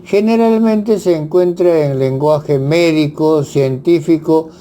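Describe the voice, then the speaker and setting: Slow, mellow-voiced teacher. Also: male voice, a little high, a little hiss or hum. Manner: measured, spells out examples one by one. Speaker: grammar teacher. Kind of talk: slow instructional reading.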